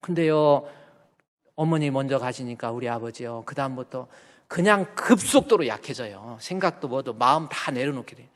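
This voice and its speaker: A male pastor in his fifties giving a folksy, animated sermon, acting out stories from family life. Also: mid-range voice, normal speed. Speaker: senior pastor. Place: church sanctuary. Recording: church hall reverb.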